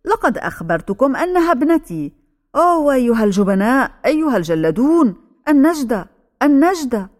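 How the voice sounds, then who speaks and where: A woman's voice: medium pitch, moderate pace, a little mellow, lightly acted. A woman voicing a desperate old mother, a recluse who shields her daughter and pleads with soldiers in an audiobook. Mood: frantic. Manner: pleading, frantic cries.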